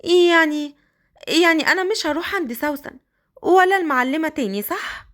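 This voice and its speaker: A woman with an Egyptian accent voicing a timid young orphan girl who pleads in a quick, anxious way. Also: extremely high pitch, a bit bright, voice pushed up. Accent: Egyptian Arabic.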